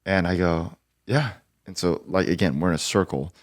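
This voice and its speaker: A man's voice: deep voice, moderate pace. A man, a pastor, telling a story in casual podcast chat and laughing often. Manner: animated anecdote teller, laughs often.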